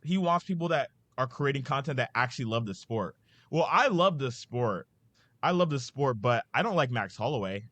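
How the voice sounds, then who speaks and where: A man's voice: medium pitch, fairly bright tone, no echo. A man, co-hosting a casual podcast, ranting heatedly with stammered restarts. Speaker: podcast co-host. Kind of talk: casual chat.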